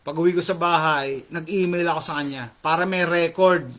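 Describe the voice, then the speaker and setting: This middle-aged host talks freely with his audience and reads their comments, mixing English phrases into Tagalog with frequent fillers. His somewhat high voice has a fairly bright tone, fairly even intonation, and a moderate pace.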